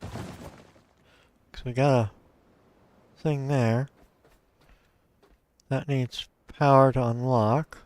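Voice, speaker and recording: Slow-talking man narrating his gameplay. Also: medium pitch, steady tone, darkish tone. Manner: thinks aloud, talks to viewers. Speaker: let's play host. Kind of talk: casual gameplay commentary.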